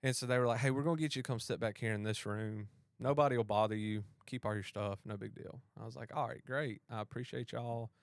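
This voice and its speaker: A gravelly mid-range voice rattles along quickly with few pauses, recorded at studio quality with no room sound. The speaker, a police officer who hosts a podcast, animatedly recounts a personal story in casual chat, performing the voices on both sides.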